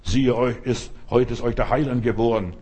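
Husky-voiced man preaching a sermon. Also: mid-range voice, a little mellow. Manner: emphatic, repetitive preaching with slow drawn-out stresses.

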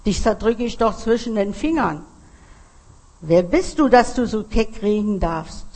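A woman's voice: mid-range voice, lively intonation, measured pace, darkish tone. A woman voicing a scornful, boastful giant in a fairy tale read during a sermon.

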